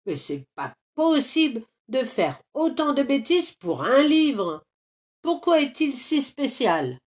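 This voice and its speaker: A woman's voice: sits high, big pitch swings, slow pace, darkish tone, pitched above the performer's own voice, exaggerated voice. A woman voicing a grumpy old man who hates children, grumbling and snapping insults in a read-aloud storybook.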